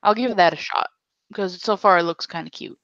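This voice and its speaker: A young woman appears as a podcast guest, chatting casually and sharing her opinions bluntly and emphatically. Her voice is on the low side, slightly bright, and a little fast, captured in dull, lo-fi, close, dry audio.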